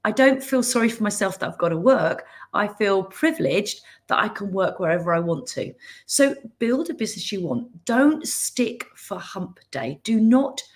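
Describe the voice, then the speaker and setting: A woman's voice: mid-range voice, lively intonation, normal speed. A middle-aged woman, a business mentor hosting her weekly live, talking in a chatty, upbeat way that often breaks off into asides. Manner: chatty, upbeat, self-interrupting. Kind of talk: casual live stream chat.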